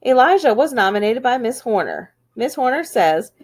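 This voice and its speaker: Woman, school announcements, upbeat, fairly high voice, very lively pitch. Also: moderate pace. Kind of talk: reading morning announcements.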